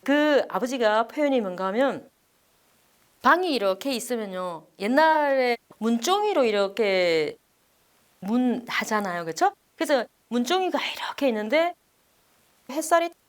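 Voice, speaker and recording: Nun lady telling a bible class story, lively, asks the room stuff, does all the voices. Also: a little high, unhurried, clear, resonant tone. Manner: animated, acts out the people in her story; asks the audience questions.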